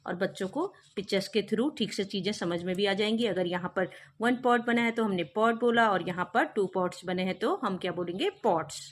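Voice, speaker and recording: A woman teacher explaining a kindergarten English lesson, spelling out words letter by letter and then saying each one slowly. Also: mid-range voice.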